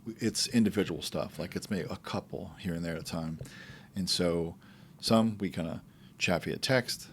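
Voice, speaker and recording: A man with a deep, low voice hosts a relaxed talk podcast, pausing and restarting as he goes. A faint noise floor sits under the recording. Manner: easygoing, halting, with asides. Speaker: podcast host. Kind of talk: casual conversational podcast.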